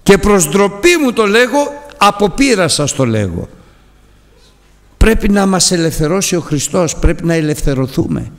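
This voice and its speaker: A male preacher delivers a fiery sermon with a high voice that leaps up and down in pitch. He exhorts his listeners with repeated appeals. His voice carries a long reverb from a church hall. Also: big pitch swings, vocal fry.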